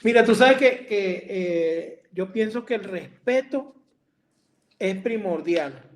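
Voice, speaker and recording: A Venezuelan man hosting a live-stream discussion, answering in a reflective, measured way. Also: sits high, animated, a little hiss or hum. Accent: Venezuelan Spanish.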